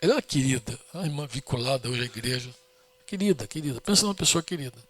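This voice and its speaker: A man's voice: medium pitch, expressive, fast, fairly bright tone. A middle-aged man with a Brazilian Portuguese accent preaching a sermon in an earnest, storytelling way, often asking the congregation to say amen.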